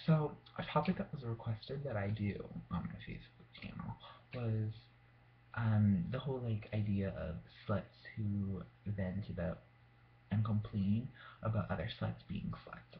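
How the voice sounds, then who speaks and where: A young man in a casual, rambling rant, sounding tipsy and drawing out his words, recorded indoors at home. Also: lowish voice. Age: young adult. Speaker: vlogger. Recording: muffled lo-fi home recording, clear background noise.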